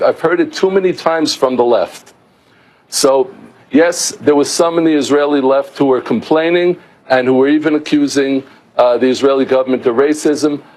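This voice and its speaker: A man's voice: fairly high pitch, a little mellow, rough recording. A middle-aged man from the United States, appearing as a guest on a news show. He lays out his points at length, often stumbling and restarting his sentences as he explains. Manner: explanatory, with frequent restarts and fillers. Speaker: interview guest, author. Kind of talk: remote news interview.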